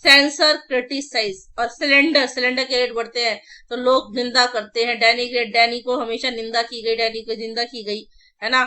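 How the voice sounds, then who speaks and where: This woman's voice sits fairly high and sounds pushed and bright, with little pitch movement at a normal speed. She teaches vocabulary in an online exam-prep session, drilling word lists through repeated chanting runs and explaining memory tricks in relaxed Hindi blended with English while addressing students in a familiar way.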